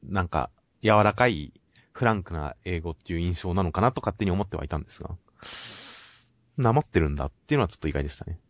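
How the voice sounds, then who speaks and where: A man with a low, steady voice talks through manga chapters in a measured, polite way. The sound is dry and close, with no room around it. He sounds like a regular co-host in casual chat. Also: no room sound. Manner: measured, polite, summarizing plot. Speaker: podcast co-host reviewing manga.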